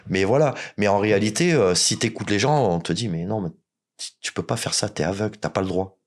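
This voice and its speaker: Low-voiced blunt joking Frenchman. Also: fairly quick. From France. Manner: blunt, joking, swears freely. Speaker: podcast guest. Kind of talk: casual storytelling chat.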